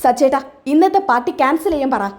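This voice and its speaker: A wounded young wife speaks with bitter defiance, voiced by a woman narrator. Her voice sits high and bright. It is barely set apart from the reader's own voice. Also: lively intonation, quick pace. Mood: hurt, bitter. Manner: sobbing, bitter, defiant complaints. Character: young wife, hurt and angry.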